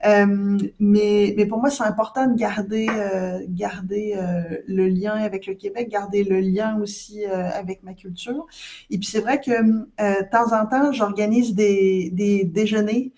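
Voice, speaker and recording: Une femme d'âge moyen à l'accent québécois, qui parle de façon chaleureuse et bavarde, avec beaucoup d'hésitations, dans une conversation de balado. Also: female voice, mid-range voice, steady tone, unhurried. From Quebec. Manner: warm, chatty, many hesitations. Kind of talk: casual podcast conversation.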